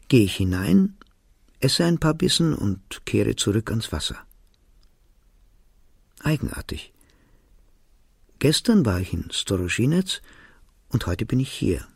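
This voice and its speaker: Man reading an audiobook, low gravelly husky voice, calm and measured. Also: no echo, studio quality. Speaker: narrator.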